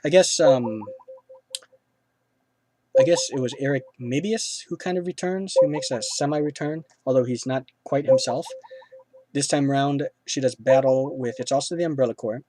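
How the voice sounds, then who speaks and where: A man's voice: mid-range voice, moderate pace, warm tone. Rambling man hosting a film review. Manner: rambling, many fillers and restarts. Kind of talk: casual review chat.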